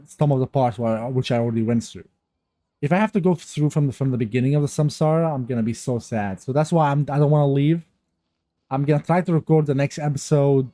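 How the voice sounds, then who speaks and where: Using a new mic that hasn't been tuned yet, a gaming YouTuber with a stuffy nose from a cold records casual gameplay commentary. His mid-range voice is mellow and dark, captured close and dry. He rambles, doubling back and restarting his sentences amid plenty of fillers.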